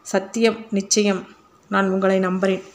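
A woman's voice: medium pitch, level tone, unhurried, close to an everyday voice. A woman narrator reading the lines of a troubled father who speaks earnestly and pleadingly.

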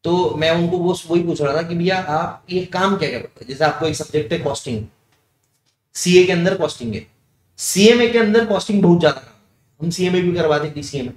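A man's voice: fairly high pitch, a little fast, slight background noise. A young male teacher talking with his students in a chatty aside, asking questions and then answering them himself. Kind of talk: casual classroom digression. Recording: echoey room.

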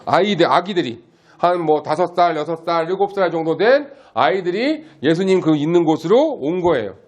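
High-voiced man preaching simply. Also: lively intonation, a little mellow. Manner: simple, slow-paced teaching with questions to the congregation. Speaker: pastor.

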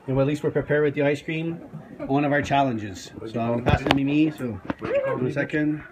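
A man's voice: medium pitch, steady tone, a little fast. A middle-aged man, chatting casually to camera as host of a homemade challenge video. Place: home kitchen. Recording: noisy handheld home video.

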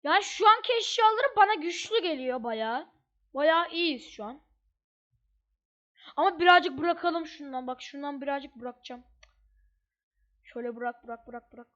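A woman's voice: high-pitched, lively intonation, unhurried, pauses often, fairly bright tone. A woman giving casual, chatty gameplay commentary as she plays, thinking aloud with slangy asides. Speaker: gamer. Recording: dull lo-fi mic.

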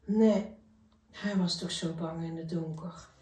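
A woman reading a children's story aloud in a gentle, expressive way. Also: fairly low pitch, takes it slowly, far from the mic, soft background music. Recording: echoey room, voice from afar.

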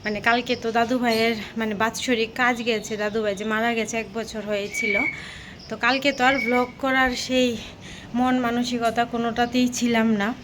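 A young woman chats through her day at home, a relaxed mother narrating her home vlog. Her voice sits a little high, with faint noise behind it. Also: moderate pace. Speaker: vlogger, mother. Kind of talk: casual vlog narration and voice-over.

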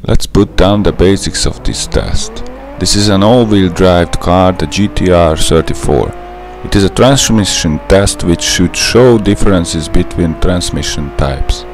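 With faint music behind him, a young Hungarian-accented man who speaks Hungarian natively delivers a scripted gameplay voice-over. He explains the tutorial carefully and methodically in a low, expressive voice at a measured pace, barely pausing.

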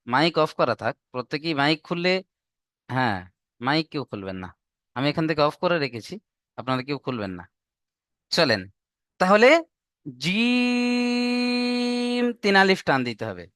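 Man patient online alphabet teacher: high, smooth voice, dry close sound, stretches each letter and quizzes students. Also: fairly bright tone, no room sound. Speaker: Quran reading teacher. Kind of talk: online Arabic alphabet lesson.

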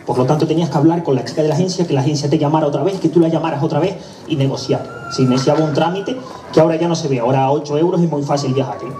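A man's voice: a little high, very fast, mellow, roomy sound, distant mic, slight background noise. A man with a Canarian accent from La Palma, telling a live comic monologue in a chatty way, with many asides. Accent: Canarian Spanish. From La Palma, Canary Islands. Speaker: presenter and stand-up comedian. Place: live stage event.

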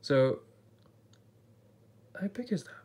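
This man's voice sits on the high side, slow and husky with a slightly mellow quality and big swings in pitch. Still recovering from a recent illness, he sounds a little off as he pages through an illustrated book, reviewing it in a chatty, think-aloud vlog from a table indoors against a blue backdrop.

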